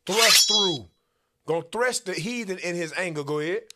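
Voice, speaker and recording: A Bible teacher hosting a religious commentary show preaches into a boom-arm mic in a small studio, with heavy background noise. At normal speed, his slightly high, lively voice stays animated and preacherly as he keeps calling for verses.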